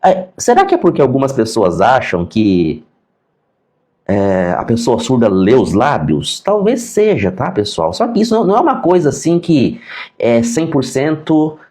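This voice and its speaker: A man's voice: medium pitch, normal speed. A man with a Brazilian accent, a sign language teacher and interpreter, telling stories in a casual lesson and acting out the dialogue. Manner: animated, acts out quoted dialogue. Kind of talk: casual storytelling lesson to viewers.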